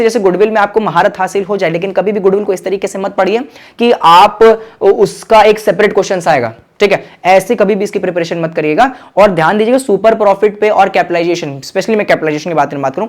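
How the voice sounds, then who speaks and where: A young man teaching an online exam-prep lesson, coaching and reassuring his students and stretching key phrases out slowly for emphasis. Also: a little high. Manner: coaching and reassuring, calls listeners "children"; mixes English terms into Hindi, stretches key phrases slowly. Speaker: commerce teacher.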